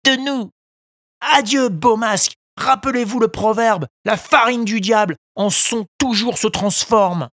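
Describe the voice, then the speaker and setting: A reader voicing a young wooden puppet boy, high and earnest, in a storybook reading. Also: unhurried, dry recording, studio quality, natural voice. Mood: scornful, taunting. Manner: high, excited, earnest pleading. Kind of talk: storybook narration.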